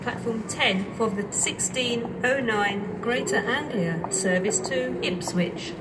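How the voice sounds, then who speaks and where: A woman's voice: a little high, takes it slowly. A British woman giving formal, scripted train station announcements, setting out listed items piece by piece. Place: railway station public address. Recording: distant station loudspeaker, loud train noise.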